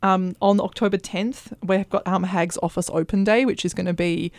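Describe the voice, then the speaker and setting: Creaky-voiced woman, radio guest. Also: mid-range voice, fairly even intonation, normal speed, darkish tone, no echo. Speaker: guest, housing support worker. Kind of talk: casual radio interview talk. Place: radio studio.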